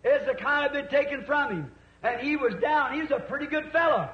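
A man's voice: extremely high pitch, normal speed. A man preaching fervently, rising at times to cries, on an old sermon recording. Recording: echoey dull archive tape.

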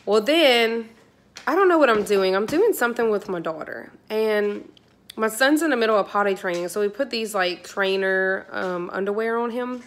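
A mother who vlogs tells a story about a mishap at home, talking to her phone camera in the kitchen with the phone at arm's length. Her medium-pitched voice has lively intonation and a moderate pace, and she sounds exasperated and chatty as she addresses viewers directly.

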